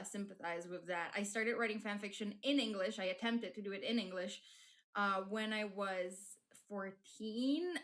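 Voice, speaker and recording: A woman with a mid-range, fairly bright voice chats casually on a live stream, using many fillers and restarts. Polish is her first language, and she's a streamer and fanfic writer.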